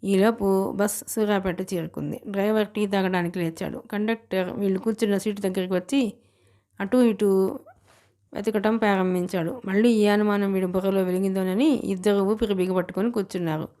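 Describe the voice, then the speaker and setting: A woman narrating a novel as an audiobook, in a plain, even storytelling voice. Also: medium pitch, brisk. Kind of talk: scripted narration.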